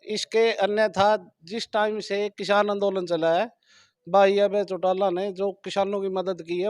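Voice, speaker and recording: A man's voice: sits high, no room sound, studio quality. A man from Haryana, answering a street political interview in an emphatic, insistent way. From Haryana, India. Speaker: villager interviewed about an election.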